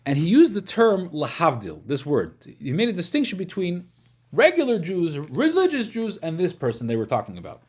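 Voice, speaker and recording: Teaching an informal religious class, a male rabbi explains things in a questioning style, checking in with listeners through short questions and often repeating and rephrasing. His high, slightly rough voice swoops wildly in pitch at a normal pace.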